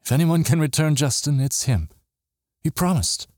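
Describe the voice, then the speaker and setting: A man voicing a frightened young girl with a high, trembling voice. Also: lively intonation, moderate pace, a little mellow, no room sound, clean studio sound, natural voice. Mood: whimpering.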